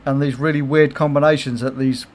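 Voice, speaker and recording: A man's voice: medium pitch, steady tone, fairly quick. A middle-aged man chatting casually on his game livestream, swearing freely, laughing often and reacting to chat comments. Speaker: game streamer.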